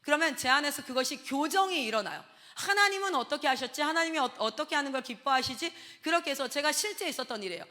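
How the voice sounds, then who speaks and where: A woman missionary giving a sermon, telling stories in a lively way and acting out the dialogue. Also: high-pitched, fast. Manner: lively storytelling that acts out dialogue. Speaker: missionary preacher. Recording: long reverb of a hall.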